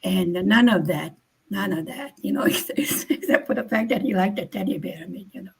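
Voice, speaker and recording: A woman's voice: mid-range voice, a little fast, creaky, a little mellow, slightly rough. An older woman hosting a casual live chat, talking bluntly, laughing often and acting out quoted lines. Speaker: channel host.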